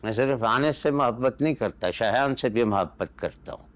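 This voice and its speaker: An older actor with a Pakistani accent playing a guilt-ridden father who speaks in a slow, heavy, reproachful way. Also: mid-range voice, natural voice. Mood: remorseful.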